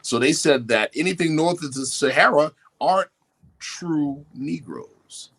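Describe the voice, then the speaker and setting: This guest speaker on a talk show lectures in a lively, unhurried way, his pitch swinging widely. His voice is slightly husky and sits a little high for a man. Animated and emphatic, he keeps pressing his points, quotes definitions and imitates others.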